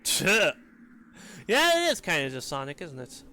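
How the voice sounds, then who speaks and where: A man streaming a video game, chatting casually in an animated, rambling way and laughing often. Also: a little high, a little slow, a little hiss or hum. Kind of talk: casual gameplay commentary. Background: soft game music.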